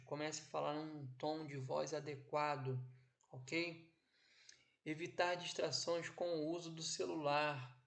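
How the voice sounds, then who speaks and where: A man's voice: on the high side, gravelly. A man teaching an online course from his home office, with a didactic delivery that keeps checking in with "ok?" and "né?". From Brazil. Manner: didactic, drawn-out phrasing with frequent "ok?" and "né?". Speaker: instructor. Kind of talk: online lecture. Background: background noise.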